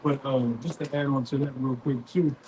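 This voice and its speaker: A man's voice: medium pitch, flat delivery, moderate pace, warm tone, rough recording. A man in a casual group discussion as a street preacher outdoors, slangy, repeating himself as he goes. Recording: faint outdoor street noise.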